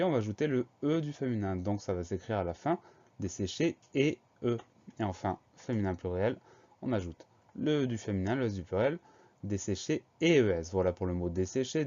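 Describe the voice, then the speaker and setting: A man teaching a spelling lesson, who speaks slowly and spells each word out letter by letter. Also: on the low side, warm tone. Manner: slow, spells words out letter by letter. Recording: dull lo-fi sound.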